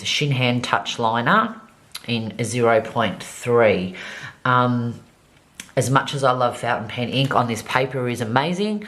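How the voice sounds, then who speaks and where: A woman vlogger with a bass, slightly bright voice chats casually while decorating her planner in a plan-with-me narration. She sounds slightly nasal from a cold and says "um" a lot.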